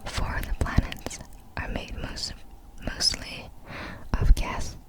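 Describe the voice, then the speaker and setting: Speaking in a soft ASMR whisper, this woman, a video creator, reads out facts, her phrases breathy, brief and carefully measured.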